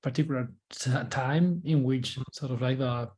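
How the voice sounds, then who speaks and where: A man in casual conversation asks long, rambling questions full of fillers. His pitch sits in an ordinary middle range. He speaks over a video call. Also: normal speed, a little mellow. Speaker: co-host interviewer.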